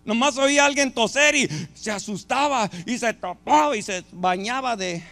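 A man's voice: extremely high pitch, moderate pace, gravelly, pushed and bright. A male pastor, preaching a sermon and asking the congregation rhetorical questions.

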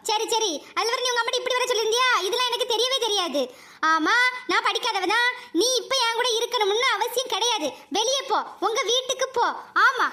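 A woman's voice: very high-pitched, bright, forceful tone. A woman voicing a pushy young husband. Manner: coaxing pleas turning to harsh orders. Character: pleading, then bullying young husband.

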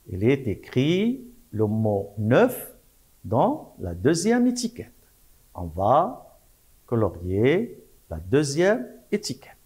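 A man teaching a French lesson to young primary pupils, repeating words and spelling out syllables slowly while praising the class. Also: medium pitch, a little mellow. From Morocco. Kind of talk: slow, patient French lesson for young children.

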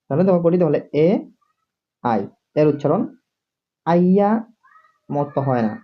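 A man's voice: a little high, lively intonation, fairly quick. Male tutor, lo-fi home lesson, repeats each word, keeps checking "see?". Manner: repetitive, drills words over and over; keeps asking "see?" to the viewer. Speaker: English teacher. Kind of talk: classroom-style video lesson. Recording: dull lo-fi recording.

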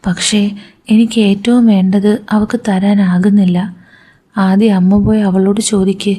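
A woman's voice: mid-range voice, flat delivery, moderate pace, warm tone, breathy edge, lightly acted. A woman voicing a smug, unfaithful young son-in-law who speaks cool and unapologetic. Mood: blunt.

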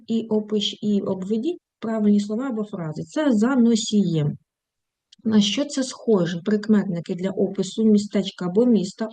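Mellow-voiced woman teacher explaining exercises. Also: mid-range voice, no echo, poor audio. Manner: explains textbook tasks step by step, mixing English phrases into Ukrainian. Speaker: English teacher. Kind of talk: recorded online lesson walkthrough.

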